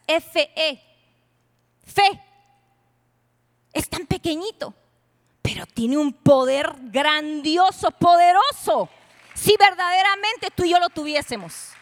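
A woman pastor preaches with a bright, high voice that rings out through a large, echoing church hall. Her delivery is emphatic and playful, full of teasing asides, and it jumps from loud declarations to hushed near-whispers. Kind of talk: sermon to a women's retreat. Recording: long hall reverb.

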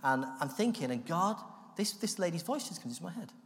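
A man from the UK giving an animated, self-deprecating personal testimony that acts out the voices in his story. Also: a little high, brisk. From United Kingdom. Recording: long hall reverb.

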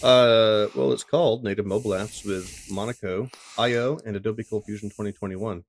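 A man's voice: lowish voice, steady tone, normal speed, dry recording. A man co-hosting a tech podcast, chatting casually with lots of fillers and restarts. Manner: rambling, filler-heavy, self-deprecating. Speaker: podcast co-host.

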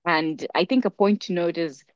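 A young woman from Africa with a fairly low voice talks at a moderate pace as a podcast guest, casually telling a story. Animated and chatty, she uses many fillers and restarts. The sound is lo-fi, with no echo.

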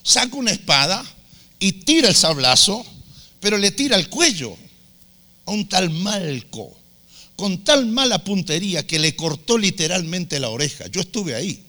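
A man preaching a sermon, telling stories with humor and acting out the voices of the people in them. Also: sits high. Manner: animated storytelling, acts out voices with humor.

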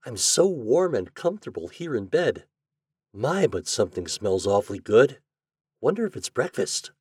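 A man reading a children's story aloud, voicing a mischievous boy who loves playing tricks, with a raised, excited delivery. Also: normal speed, husky, no echo, studio quality. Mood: playful. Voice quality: excited, high and loud. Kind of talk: audiobook character voice.

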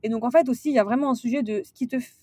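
A woman's voice: a little high, racing, dark tone, no echo. Hesitant woman on a dry podcast mic. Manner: hesitant, many fillers and restarts. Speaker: guest, sales director turned manager. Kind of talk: casual interview conversation.

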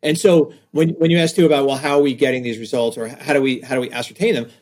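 A middle-aged New York man talks as a guest on a podcast, his pitch sitting in the middle of the range. He tells stories in an animated way, full of fillers and quick restarts. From Staten Island, New York. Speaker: guest, design agency founder. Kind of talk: casual podcast interview.

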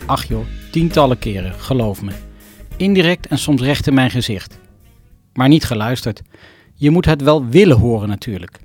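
A man's voice: medium pitch, animated, moderate pace, husky, dry recording, faint music behind. Brief: middle-aged male narrator, wry and self-mocking, clipped sentences, dry close-miked read. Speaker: rehabilitation doctor narrating his own story. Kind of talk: scripted personal narration.

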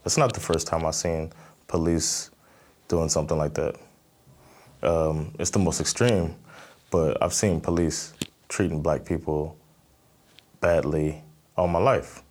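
A man with a very low voice and an American accent answers interview questions. He speaks thoughtfully, pausing and restarting often as he works through his points. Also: fairly even intonation, darkish tone, a little hiss or hum. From Miami, Florida, USA. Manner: thoughtful, halting, many fillers and restarts. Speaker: stand-up comedian, interview guest.

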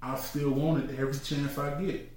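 A man co-hosting a podcast with his wife, joking and telling stories in a relaxed way. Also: a little high. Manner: joking, laid-back, drawn-out storytelling. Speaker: podcast co-host. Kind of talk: casual couple's chat. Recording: echoey room, mic at a distance.

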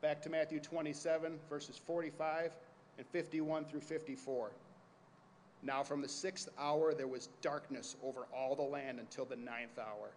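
A man's voice: on the high side, little pitch movement, moderate pace. A man preaching with passion and drama, like a lawyer giving a closing argument to a jury. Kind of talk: sermon framed as a courtroom closing argument. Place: large reverberant room, addressing a congregation. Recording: reverberant hall with some noise.

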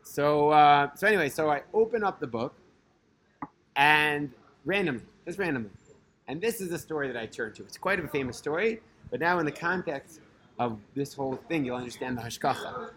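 Casual storytelling man, slightly higher voice. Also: fairly quick. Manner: casual, animated, many fillers and religious terms. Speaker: religious teacher. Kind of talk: personal storytelling talk.

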